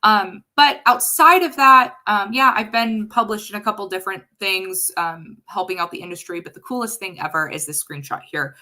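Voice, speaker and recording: A woman's voice: medium pitch, normal speed, hardly any pauses. A woman in her thirties from the US West Coast, an HR consultant giving a casual, chatty webinar with a sarcastic streak. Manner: chatty and sarcastic, lively swings in loudness.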